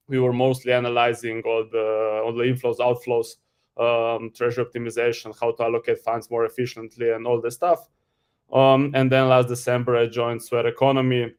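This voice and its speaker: A man from Slovenia with a Slovenian accent appears as a guest on an online call, informally explaining his professional background as a crypto treasury specialist. His medium-pitched voice is smooth.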